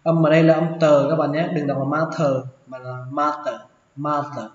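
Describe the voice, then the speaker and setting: A man teaching English vocabulary as a slow lesson, patiently repeating each word several times, a native Vietnamese speaker. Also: on the high side, steady tone, darkish tone. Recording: echoey room with long reverb, dull lo-fi sound.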